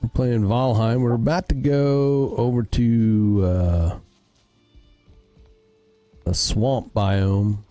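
A man's voice: mid-range voice, fairly even intonation, very slow, long pauses, mellow, no echo, soft background music. A man hosting a casual gaming livestream, thinking aloud as he fiddles with his audio settings. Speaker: streamer host.

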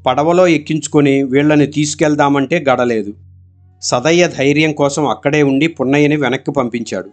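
A man narrating a storybook audiobook in a steady, expressive storytelling manner. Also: a little high, fairly quick.

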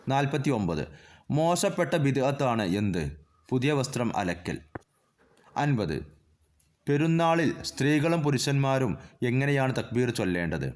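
Man reciting numbered exam answers. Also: medium pitch. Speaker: quiz reader. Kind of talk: reading exam questions and answers.

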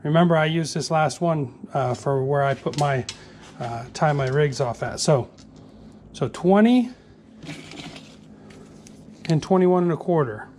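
Man, 40s, slightly high voice, unhurried how-to narration, camera mic in a workshop with faint hiss. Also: animated, a little mellow. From Northeast Florida. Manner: plain, easygoing, narrating each step with many "uh"s. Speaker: fishing tackle maker. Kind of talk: casual how-to workshop demonstration.

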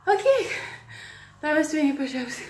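A young woman with a high voice talks casually to her fitness vlog viewers. She records on a phone at arm's length in an echoey living room. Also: sing-song, normal speed. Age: young adult. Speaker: fitness challenge vlogger. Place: home living room with tiled floor.

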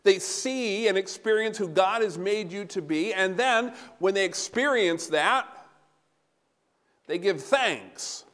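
High-voiced pastor preaching in a reverberant church. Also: male voice, slow pace. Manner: animated, gesturing, walking about while preaching. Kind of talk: sermon. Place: large church sanctuary before the altar. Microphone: no handheld mic, recorded from a far camera.

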